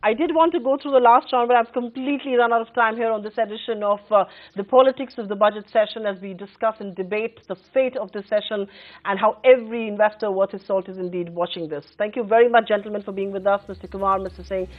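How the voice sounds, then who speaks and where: A woman's voice: medium pitch, fast talker, phone-quality sound. A woman with an Indian accent moderating a live TV panel debate as anchor, with formal, emphatic, wordy questions.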